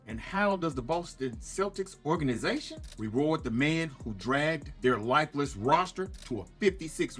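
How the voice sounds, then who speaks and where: A man's voice: mid-range voice, fairly bright tone. A man delivering scripted, opinionated sports commentary as an emphatic, dramatic exposé with a smug, sarcastic edge. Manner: emphatic, dramatic, rhetorical questions. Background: music.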